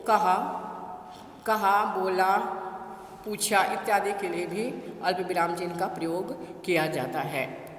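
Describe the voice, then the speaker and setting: A woman teacher giving a classroom lesson, dictating slowly and deliberately. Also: mid-range voice. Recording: echoey room with faint noise.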